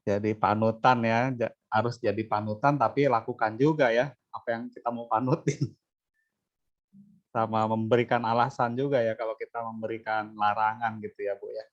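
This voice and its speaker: A man's voice: lowish voice, fairly even intonation, normal speed. Brief: male host, casual interview, affirming, muffled recording. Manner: affirming, summarizing.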